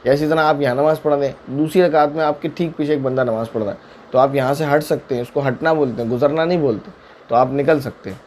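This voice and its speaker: A man giving a religious question-and-answer lesson as a mufti, in a voice of middling pitch. He talks patiently and builds each answer step by step from everyday examples. There is a faint hiss of background noise. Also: a little mellow.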